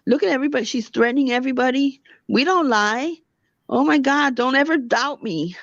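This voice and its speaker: A woman's voice: sits high, animated, no echo. A woman hosting a livestream, ranting indignantly and answering her chat. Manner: indignant, rapid, talks back to chat. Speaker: livestream host. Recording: dull lo-fi dry sound.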